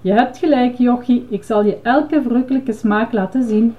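A woman's voice: on the high side, normal speed, muffled recording, lightly acted. Grover, a woman doing a proud chanting ice cream monster. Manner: proud, chanting, eager to please. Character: cheerful blue male monster ice cream seller.

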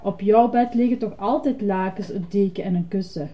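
A woman's voice: moderate pace, close to an everyday voice. A woman voicing a patient, weary grown-up male puppet who sighs and sounds exasperated, reading a storybook aloud. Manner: low, sighing and exasperated. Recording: dull lo-fi recording.

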